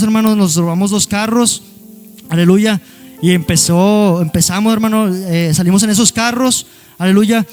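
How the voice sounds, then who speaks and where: High-voiced man testifying. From Monterrey area, Mexico. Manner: halting, repeats words, keeps adding "hermano" and "¿verdad?"; peppers his talk with "aleluya". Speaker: guest giving a church testimony. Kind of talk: personal testimony to a congregation.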